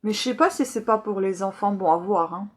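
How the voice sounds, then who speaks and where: This woman is a book vlogger going through her haul piece by piece for viewers, speaking casually but hesitantly with frequent filler pauses and an easygoing, chatty manner. Her pitch is medium, and there's a little hiss or hum.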